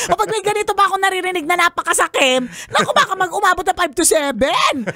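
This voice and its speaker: A middle-aged Filipino woman hosting a call-in advice show, scolding a caller in an animated, dramatic way. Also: extremely high pitch, fairly quick, no echo. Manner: scolding, animated, laughs loudly, dramatic exasperation. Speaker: radio advice host. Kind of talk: call-in advice talk, mixing Tagalog and English.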